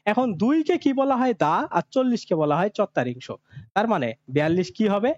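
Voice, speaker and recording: A man teaches an admission class in a high, lively voice that swings widely in pitch. He talks in an everyday, coaxing way and keeps checking with his students. The recording is dry and dull, with a lo-fi sound. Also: fairly quick, no echo. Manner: asks questions and answers them himself, often checks "ঠিক আছে?". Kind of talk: online class lecture.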